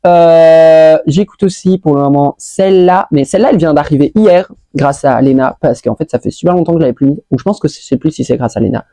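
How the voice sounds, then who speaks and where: A woman's voice: low-pitched, a little fast, hardly any pauses, warm tone, no echo. A woman vlogger chatting casually through a monthly roundup, scattered and full of fillers, dropping English words as she goes. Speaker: lifestyle vlogger. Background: faint music playing.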